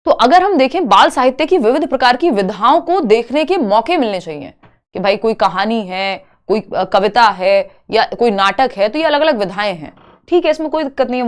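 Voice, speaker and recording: A woman teaching an online exam-prep lesson, explaining each option step by step with rhetorical questions and English terms mixed in. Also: a little high. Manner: mixes English terms into Hindi.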